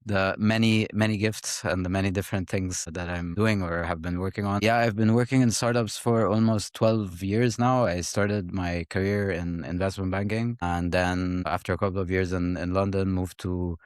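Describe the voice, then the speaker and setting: Man, 30s, from Egypt, very low voice, dry close sound, reflective, thoughtful, restarts often. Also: steady tone, normal speed, hardly any pauses, clean tone, no room sound. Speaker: guest, startup founder. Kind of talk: conversational interview answers.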